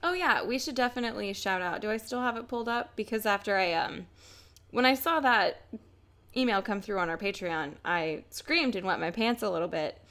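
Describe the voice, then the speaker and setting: A woman's voice: mid-range voice, lively intonation, brisk, a bit bright. Chatty, self-mocking woman podcast co-host. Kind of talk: casual chat.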